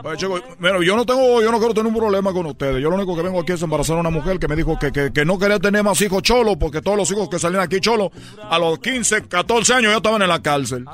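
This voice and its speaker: A man's voice: sits high, very fast, fairly bright tone. A man voicing a cheerful Cuban baseball player with a Cuban Spanish accent, chatty and calling everyone "chico" in a radio comedy sketch. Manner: chatty, keeps saying "chico".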